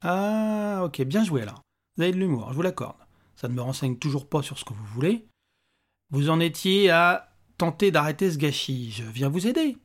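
A man's voice: on the high side, big pitch swings, normal speed. A man reading aloud and voicing a tiny, bald, bearded male imp who talks in an irritable, sarcastic rant. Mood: indignant. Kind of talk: audiobook character voice.

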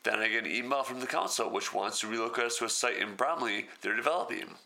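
A man's voice: medium pitch, fast talker, gravelly, sharp tone. A man reading a story aloud and breaking off for wry, sarcastic comments.

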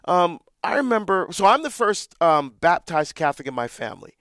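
A man's voice: high voice, very animated, fairly quick, no echo, clean studio sound. Earnest Barbados-born man hosting radio. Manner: earnest, warm storytelling with frequent restarts. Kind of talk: live call-in radio talk.

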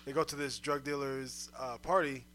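A man's voice: mid-range voice, steady tone, normal speed, sharp tone, slight background noise. A man co-hosting a casual chat among friends, who laughs often and acts out lines from a film. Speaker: podcast co-host.

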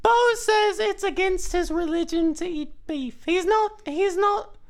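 A squeaky, eager burger-joint worker. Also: male voice, measured pace. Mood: chatty. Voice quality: high, squeaky put-on voice. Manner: bubbly, shouty, flustered. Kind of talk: improvised comedy sketch.

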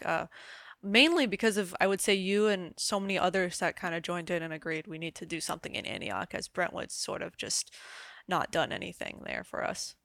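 A young adult woman from the United States, a community organizer speaking as a radio guest, earnest and halting with fillers. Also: lowish voice, fairly bright tone, dry recording, studio quality. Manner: earnest, with frequent fillers and restarts. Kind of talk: radio interview.

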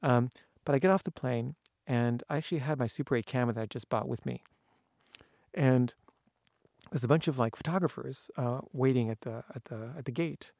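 A man's voice: mid-range voice, creaky, dry recording, clean studio sound. A man telling a personal story in a casual way, acting out the people he quotes, with frequent restarts. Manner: animated, acts out quoted voices, halting restarts. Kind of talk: casual anecdote.

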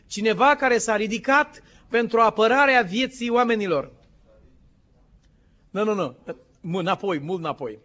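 A man's voice: high voice, pauses often, fairly bright tone. A man preaching a sermon as pastor, impassioned and quizzing his congregation. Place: church in the United States. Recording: dull lo-fi recording.

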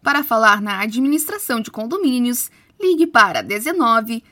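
A woman's voice: fairly high pitch, very animated, moderate pace, bright, forceful tone, no echo. A woman with a Brazilian Portuguese accent reading scripted phone greetings and menu options as an announcer, in a polite customer-service delivery.

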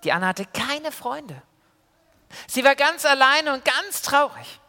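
A preacher telling a Bible story to children in a lively way, going from loud to hushed. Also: male voice, extremely high pitch, measured pace, long reverb tail. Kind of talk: sermon told as a children's story. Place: church.

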